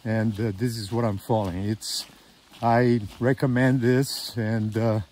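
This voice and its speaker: A man in his fifties vlogging as he hikes a forest trail, talking slowly with many "uh" fillers, filmed on a phone held at arm's length. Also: medium pitch, level tone, a little mellow. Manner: slow and halting, many "uh" fillers. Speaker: hiking vlogger. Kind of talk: casual walking vlog. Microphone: phone camera held at arm's length.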